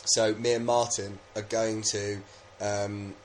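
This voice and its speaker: A man's voice: on the low side, level tone, slow pace, slight background noise. A man from England co-hosting a podcast in casual, rambling, jokey chat. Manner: jokey, rambling, with many fillers. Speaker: podcast co-host.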